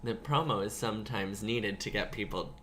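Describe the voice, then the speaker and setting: A man's voice: lowish voice, normal speed, a bit bright, a little hiss or hum. A man from Vancouver Island, a guest drag performer, chatting casually and laughing often between words. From Vancouver Island, Canada. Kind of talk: casual podcast chat.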